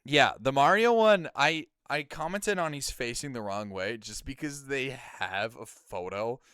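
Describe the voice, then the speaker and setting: A man with a Midwestern American accent chats casually on a stream, reading out viewer comments. His voice is smooth and clean. The sound is dry and close, with no room around it. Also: mid-range voice, animated, no echo. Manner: talks fast, trails off quietly, reads out comments. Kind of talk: casual chat.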